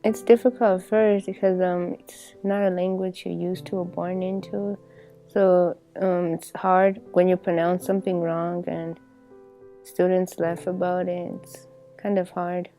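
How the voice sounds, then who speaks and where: A young woman student speaks in a quiet, subdued way. Her low, dark voice stays flat and even, with faint music underneath. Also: a little slow. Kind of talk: interview testimonial. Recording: soft music bed underneath.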